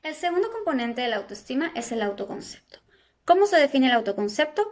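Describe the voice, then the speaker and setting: A woman in her thirties from Argentina, a psychologist calmly explaining a topic to her viewers and asking them rhetorical questions. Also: high voice, fast. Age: 30s. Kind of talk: educational talk.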